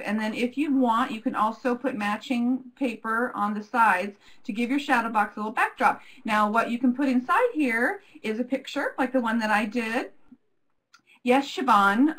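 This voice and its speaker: A woman's voice: a little high, a bit bright, rough recording. A woman giving a live craft tutorial in a chatty, jokey manner with frequent fillers. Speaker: craft demonstrator.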